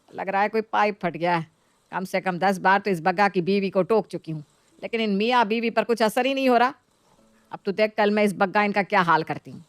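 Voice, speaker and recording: A woman voicing a sharp-tongued, scolding middle-aged mother-in-law in a voiced story drama. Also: mid-range voice, smooth, no echo, clean studio sound, lightly acted. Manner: sarcastic, nagging.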